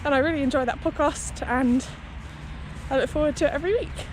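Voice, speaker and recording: A woman's voice: sits high, a little fast. A young woman chatting casually to her vlog audience in a hedging, conversational way, recorded outdoors. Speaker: running vlogger. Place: outdoors beside a busy city road. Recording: outdoor street noise, passing traffic.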